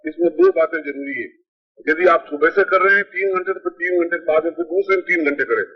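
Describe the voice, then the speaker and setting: A man's voice: a little high, animated, quick pace, husky. A spiritual teacher, a man, gives plain, methodical step-by-step ritual instructions, heard from an old worn tape. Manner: plain, methodical, repeats points for emphasis. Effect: old worn cassette tape. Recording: dull lo-fi 1980s tape recording.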